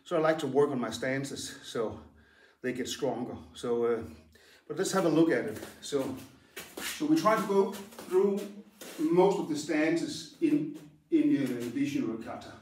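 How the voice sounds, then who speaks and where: A Danish-born karate instructor with a fairly high, animated, slightly mellow voice explains stances plainly and haltingly, pausing between moves. He stands far from the camera as he moves around a big dojo, so the voice is distant and the hall echoes heavily. A faint hiss or hum is audible.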